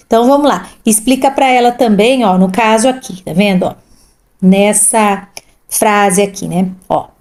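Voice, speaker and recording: A woman's voice: medium pitch, darkish tone. A woman teaching reading to children, sounding out syllables and repeating each word twice, checking in often with "tá?". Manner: instructive, frequent "tá?" and "ó". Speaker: literacy teacher. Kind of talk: tutoring lesson, reading syllables aloud.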